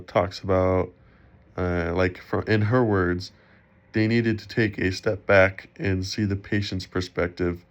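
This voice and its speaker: A young man who sounds slightly sick and muffled, giving an informal, halting student presentation for a class. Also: low voice, clear, resonant tone. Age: young adult. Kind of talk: informal spoken presentation for a class discussion post. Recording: dull, lo-fi sound.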